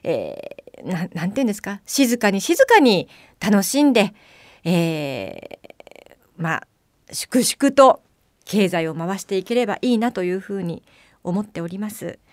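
A woman hosting a late-night radio talk show as a bar mama. She is chatty and playful, with drawn-out fillers. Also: mid-range voice, very animated, a little mellow, dry recording, studio quality.

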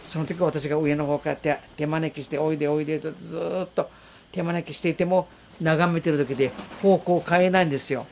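An elderly woman in her eighties speaks with a soft regional lilt. She tells her survivor's story earnestly and vividly, re-enacting calls and voices along the way. A faint hiss sits under the recording. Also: sits low, steady tone, fairly quick. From Okinawa, Japan. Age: 80s. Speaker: war survivor giving testimony. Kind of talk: personal storytelling in an interview.

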